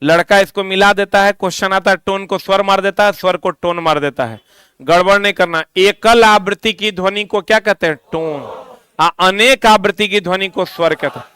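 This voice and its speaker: A male teacher leads a physics lesson, asking questions and slowly repeating the answers for students to write down. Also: high-pitched, sharp tone, smooth, no echo. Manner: drifts into stern ranting.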